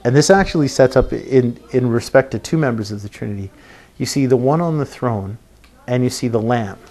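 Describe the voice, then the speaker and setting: In an informal sermon, a preacher teaches a Bible passage in a gravelly, creaky voice of middling male pitch with a darkish tone and lively intonation. He thinks aloud haltingly, stopping to rephrase and often checking in with a quick "right?"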